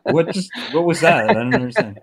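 Animated laughing man on a live stream. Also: fairly high pitch, fairly quick. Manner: animated, laughing, storytelling with quoted voices. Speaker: comic creator host. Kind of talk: casual live stream chat.

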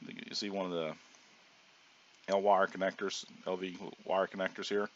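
A middle-aged gaming channel host with a low voice, hoarse from a cold and sinus trouble, gives casual gameplay commentary at a normal speed. He is relaxed and rambling, full of ums and restarted sentences. The dull, lo-fi audio sounds like a cheap home mic, with a little hiss or hum.

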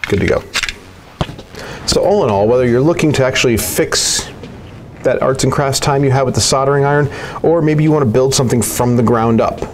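A man's voice: mid-range voice, a little fast, a little hiss or hum. A man hosting a casual, joking product review of gun parts. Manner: relaxed, joking, chatty.

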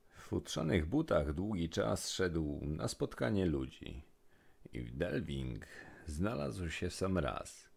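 A man with a very deep, gravelly voice narrating a rhymed poem in a rhythmic, sing-song way. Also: darkish tone.

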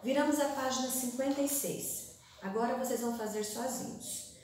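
A woman teacher giving a recorded classroom lesson, reading aloud and sounding out words slowly, syllable by syllable. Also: sits high, darkish tone, a little hiss or hum. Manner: slow, deliberate, stretches words syllable by syllable. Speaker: primary school teacher. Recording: very echoey room, voice far from mic.

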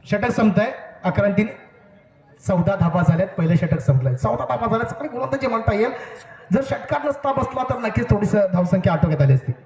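A man giving live commentary on a local cricket match over an outdoor loudspeaker, joking and repeatedly asking the crowd to cooperate. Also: high voice, lively intonation, quick pace, echoey room. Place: outdoor village cricket ground. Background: crowd at the ground.

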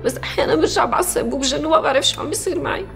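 A woman's voice: high-pitched, very fast, vocal fry, echoey room, soft background music. An actress playing a troubled young woman with a Syrian accent, asking anxious, pleading questions. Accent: Syrian Arabic. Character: troubled young woman fearing for her helpers. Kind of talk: TV period drama acting.

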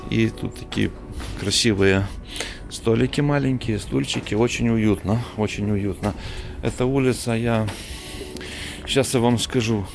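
A middle-aged man giving a chatty, unhurried walking tour of city streets at night, coughing now and then, filmed on a handheld camera. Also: medium pitch, gravelly. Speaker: vlogger. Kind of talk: casual walking tour commentary.

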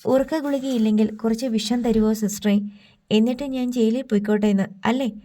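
A woman's voice: fairly high pitch, steady tone, a little fast, dark tone, close to an everyday voice. A woman reading the part of a wounded young male prisoner, bitter and defiant, in an audiobook. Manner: pleading then vowing revenge. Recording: slightly distant from mic.

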